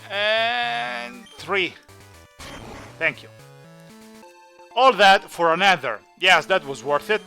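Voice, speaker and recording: A man with a somewhat high, pushed and bright voice hosts a gaming video. His casual Let's Play commentary is playful, teasing the characters as he plays.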